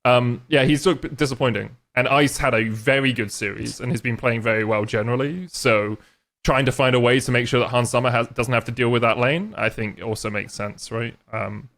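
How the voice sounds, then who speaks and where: A man's voice: medium pitch, steady tone, a little fast, a bit bright. A man co-hosting an esports podcast, giving rambling, wry analysis with dry jokes. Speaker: podcast co-host. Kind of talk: casual esports chat.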